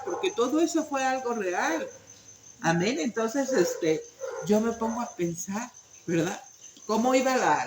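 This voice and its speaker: A woman's voice: fairly high pitch, noisy background. Woman, Bible study teacher, chatty, fillers and tag questions, roomy echo, faint crickets. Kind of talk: informal Bible study talk.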